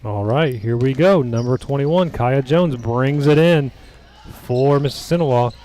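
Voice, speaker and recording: A mid-pitched man calls the action at a high school basketball game in a chatty, joking way. He sounds a little out of breath. A ball bounces in the background of the gym. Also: measured pace, warm tone. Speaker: play-by-play commentator. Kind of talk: basketball commentary.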